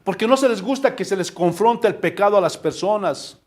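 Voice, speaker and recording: A man's voice: high voice, a little fast, darkish tone. A man, a pastor delivering an impassioned sermon full of rhetorical questions. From Bolivia.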